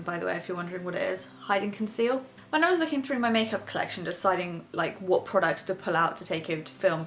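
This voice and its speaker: A woman's voice: lowish voice, a bit bright. A young woman chatting casually and rambling a little as she does her makeup, vlogging from her bedroom. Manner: rambling, casual, talks while doing makeup. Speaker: beauty vlogger host. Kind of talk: chatty get-ready-with-me makeup tutorial. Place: bedroom, sitting on her bed.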